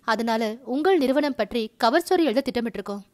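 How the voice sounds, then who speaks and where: A man's voice: extremely high pitch, animated, brisk. A woman voicing a courteous young male magazine journalist who is asking for an interview. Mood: polite. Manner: courteous, eager.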